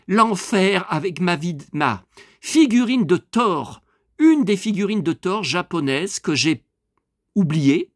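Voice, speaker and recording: A middle-aged man talking to camera in a loose, rambling vlog, blunt and quick to swear, with lots of fillers and restarts. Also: fairly high pitch, no room sound, clean studio sound. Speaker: vlogger. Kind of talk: casual rambling vlog monologue.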